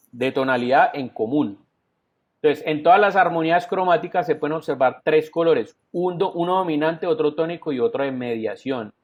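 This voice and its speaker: Man, Colombian Spanish accent, online lecture, middle pitch, dull lo-fi sound. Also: darkish tone. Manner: explanatory, frequent "entonces" and checks like "¿sí?". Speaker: teacher. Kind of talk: virtual class lecture. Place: home or office, video call. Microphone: computer mic on video call. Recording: dull lo-fi online class audio.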